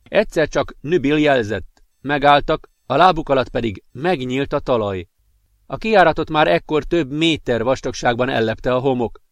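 A man narrating an audiobook with calm, even storytelling. His voice sits at a middling pitch, and the recording is very dry and close. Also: no room sound. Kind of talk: scripted narration.

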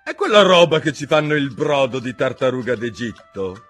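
A man voicing a furious, bossy queen who shrieks and yells at everyone in a storybook reading. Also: mid-range voice, very animated, moderate pace, soft background music, pitched above the performer's own voice. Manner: shrieking, stamping rage. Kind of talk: audiobook character voice.

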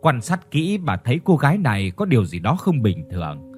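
A man's voice: mid-range voice, huge pitch swings, fairly quick, faint music behind. A man reading a horror story aloud in a dramatic storytelling manner. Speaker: narrator. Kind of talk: scripted horror narration.

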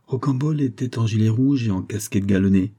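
A man reading a classic novel aloud as an audiobook narrator, in a measured storytelling manner. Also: fairly low pitch, dark tone.

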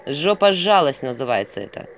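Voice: medium pitch, very animated, normal speed, slight background noise, pitched below the performer's own voice. A reader voicing a grumpy male talking owl from a fairy tale, gloomy and wary, muttering crude remarks. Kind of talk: audiobook character voice.

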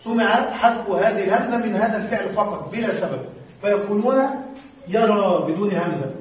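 A man's voice: high-pitched, fairly quick. A man teaching a live classroom lesson on Arabic word forms, quizzing students and repeating and correcting their answers. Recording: echoey room, distant mic, dull lo-fi, faint noise.

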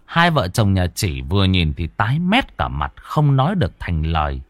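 Lively low-voiced male ghost story narrator. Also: moderate pace, no room sound.

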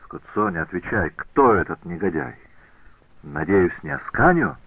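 A man reading a proud, mocking artist in a low, curt voice close to his own. The audiobook sound is narrow and phone-like, dry and close. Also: big pitch swings, a little slow, slightly rough, no room sound, exaggerated voice. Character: proud famous male artist, mocking and quick-tempered. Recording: tinny phone-like dry recording.

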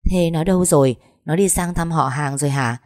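A woman's voice: low voice, fairly quick, darkish tone, no room sound, studio quality, natural voice. A woman voicing a worried older mother in a storybook reading, asking anxious, pressing questions.

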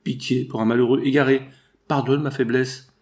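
A man's voice: mid-range voice, level tone, normal speed, darkish tone, natural voice. A man voicing a frightened, cowardly mechanic caught stealing, who stammers and pleads. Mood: panicked.

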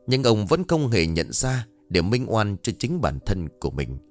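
A man, narrating a story in a dramatic, expressive way. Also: fairly low pitch, moderate pace, soft background music.

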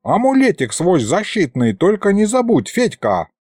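A man's voice: sits high, huge pitch swings, moderate pace, darkish tone, slightly rough, no room sound, clean studio sound, voice pushed up, exaggerated voice. Man voicing a pompous old-fashioned ghost sorcerer. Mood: grumbling. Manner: self-important, archaic wording.

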